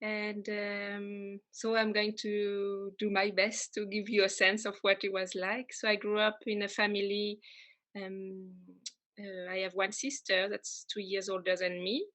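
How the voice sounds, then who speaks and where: A woman in her thirties from France with a French accent, speaking English as an interview guest, often pausing on fillers and restarting her sentences. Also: medium pitch, completely flat delivery. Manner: hesitant, many fillers and restarts, warm laughs. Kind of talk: casual conversational interview.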